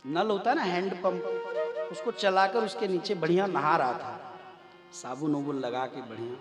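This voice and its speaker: A man preaching a devotional sermon, telling stories in an animated, humorous and emphatic way. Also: on the high side, moderate pace, music in the background. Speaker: Bhagavat katha preacher.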